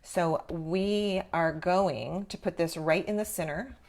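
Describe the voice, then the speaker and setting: Chatty woman with a slightly low voice. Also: slow, a little mellow. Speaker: craft class host. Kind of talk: casual live craft tutorial, step by step.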